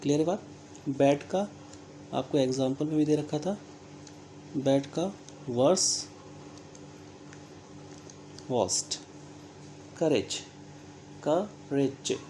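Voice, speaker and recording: A teacher with an Indian English accent works through a grammar exercise at an unhurried, measured pace. The voice is soft and mellow. A faint hiss sits under the recording. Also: medium pitch. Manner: slow, deliberate, checks understanding with frequent "theek hai"; spells words out letter by letter. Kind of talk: recorded classroom-style grammar lesson.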